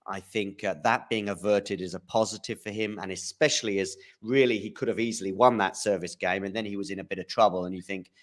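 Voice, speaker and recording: A man's voice: lowish voice, quick pace, few pauses. A man hosting a live tennis commentary podcast, chatting casually with fillers. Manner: chatty, relaxed, frequent fillers.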